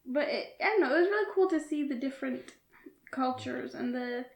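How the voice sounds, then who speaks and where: A woman's voice: high-pitched, animated, a little fast. A woman co-hosting a casual podcast chat, giggling often as she retells scenes. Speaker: podcast co-host. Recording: roomy echo.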